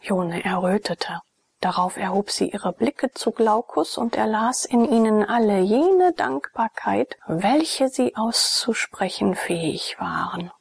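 A woman reading an audiobook aloud in calm, even scripted narration with a breathy voice, close to the mic. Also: mid-range voice, slow pace, no echo. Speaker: audiobook reader.

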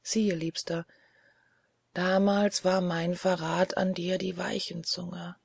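A reader voicing a hushed, resigned young woman. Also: mid-range voice, creaky, husky, no echo. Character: grave, frightened young woman, selfless and resigned. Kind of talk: audiobook reading.

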